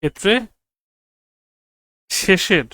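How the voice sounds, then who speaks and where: A man teaching an English grammar lesson, repeating key phrases slowly and checking whether his students follow. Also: bright, forceful tone, no echo. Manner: quizzes students with rhetorical checks. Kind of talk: classroom grammar lecture.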